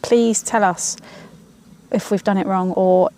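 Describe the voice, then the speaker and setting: A woman co-hosting a podcast, telling stories in relaxed casual chat outdoors in a garden. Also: medium pitch, takes it slowly. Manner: relaxed, hesitant storytelling with fillers. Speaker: podcast co-host.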